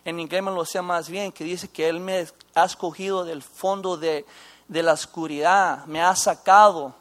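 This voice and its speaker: High-voiced man, halting testimony. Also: steady tone, a bit bright. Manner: halting, with restarts and mixing in English phrases. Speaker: former inmate giving testimony. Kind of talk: personal faith testimony.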